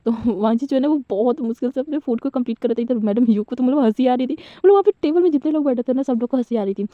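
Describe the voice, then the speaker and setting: A woman retells a fan fiction story in a chatty, loose way, breaking off for giggly asides. Her voice sits somewhat high and mellow. The recording is dry and slightly dull. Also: fast talker, dry recording.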